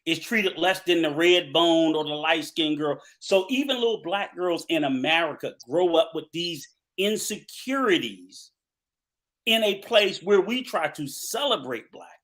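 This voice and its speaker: Emphatic male guest, slightly high voice, argues his case, shifts pace for stress. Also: lively intonation, a bit bright. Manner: emphatic, argumentative, speeds up and slows down. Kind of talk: livestream discussion.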